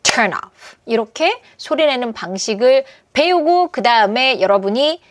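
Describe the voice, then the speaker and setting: A woman teaching English pronunciation in a lecture, emphatic and demonstrating words slowly. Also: high-pitched, expressive, dry recording, clean studio sound.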